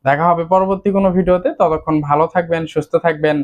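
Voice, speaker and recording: A man teaching English vocabulary in a slow spoken lesson, saying each word twice and then explaining what it means. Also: on the high side, steady tone, highs cut off.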